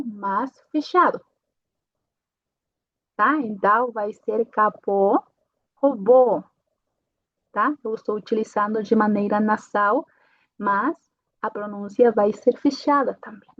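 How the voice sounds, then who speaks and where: A woman's voice: mid-range voice, no echo, lo-fi sound. A woman teaching a pronunciation lesson. She explains step by step and checks in with her learners after each point. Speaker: language teacher.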